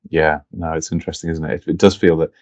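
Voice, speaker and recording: A man's voice: very deep voice, level tone, quick pace, no room sound. A man hosting a podcast, asking friendly interview questions in loose phrasing with fillers. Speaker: podcast host.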